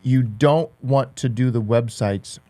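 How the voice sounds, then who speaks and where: A man's voice: medium pitch, a little slow, mellow, no room sound. A man in his forties co-hosting a podcast in casual chat, teasing dryly and pressing to define terms. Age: 40s. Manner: dry, teasing, pins down terms. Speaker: podcast co-host.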